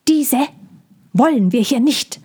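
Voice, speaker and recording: A woman's voice: high voice, lively intonation, slow, darkish tone, slightly rough, voice pushed up, exaggerated voice. A woman reading a storybook and voicing a stern, territorial male bird who hisses and scolds. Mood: hostile. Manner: hissing, scolding.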